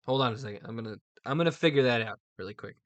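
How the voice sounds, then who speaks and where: A man's voice: medium pitch, rapid-fire, no room sound. Dry-sounding American man casually commenting. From United States. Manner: rambling, self-questioning, dry humor. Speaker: host.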